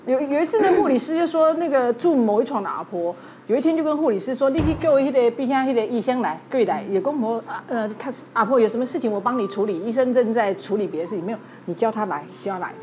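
A woman's voice: fairly high pitch, fast talker, few pauses. A woman, a doctor guest on a TV talk show, telling a ghost story and quoting an old patient. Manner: quotes an old patient in her dialect-flavoured speech. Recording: studio with steady background noise.

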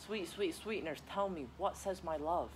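A man's voice: a little high, animated, moderate pace, fairly bright tone, slight background noise, rough recording. A teenage boy playing an eager, impatient young girl in love in a school Shakespeare reading, pleading and restless. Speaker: student actor.

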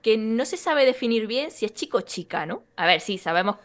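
A woman's voice: fairly high pitch, lively intonation, fairly quick. A woman who is a podcast guest, talking in casual chat and turning down ideas in a blunt, teasing way.

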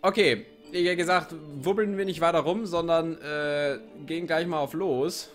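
A young man with a cold doing excitable let's play commentary on a game, with jumpy exclamations and self-mocking remarks. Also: on the high side, moderate pace, faint music behind. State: sick with a cold, coughing. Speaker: gaming YouTuber.

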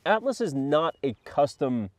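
A man's voice: a little high, sing-song, a little slow, no room sound. Rambling man with a slight cough. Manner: rambling, filler-heavy, thinks aloud. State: slight cough, under the weather. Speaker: co-host of a firearms review channel. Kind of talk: casual review chat.

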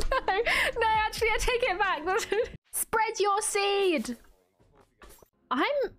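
A young woman streaming a video game, chatting casually and breaking into frequent giggles and squeals. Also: sits high. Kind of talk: casual gameplay commentary.

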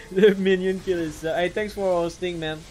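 Excitable man streaming a game. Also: high voice, moderate pace, slight background noise. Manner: excitable, repeats "man" constantly. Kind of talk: live gameplay commentary.

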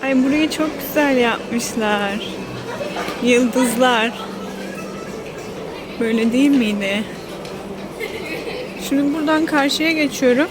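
A woman's voice: high-pitched, takes it slowly, long pauses. A woman chatting casually to her viewers as she narrates a visit to an amusement park. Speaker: vlogger. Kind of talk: casual vlog chat, narrating as she goes. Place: amusement park, moving around among rides. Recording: busy amusement park crowd, loud music. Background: loud music and crowd noise.

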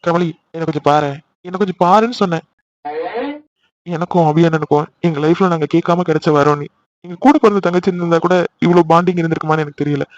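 A man voicing a caring older brother in an animated cartoon, teasing and then soothing his sister. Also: a little high, fast talker, no room sound, close to an everyday voice. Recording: slightly dull lo-fi audio.

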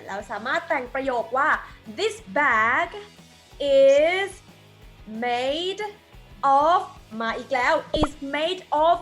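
A woman teacher with a high, bright voice explaining English words. She spells them out letter by letter at an unhurried pace. Soft music plays behind her. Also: expressive.

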